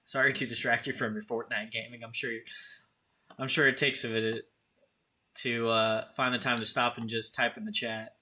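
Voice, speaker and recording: Hosting a relaxed livestream, a man in his thirties talks at normal speed with a level, mid-range voice that sounds pushed and bright. He addresses his chatters directly in a conversational, informal way.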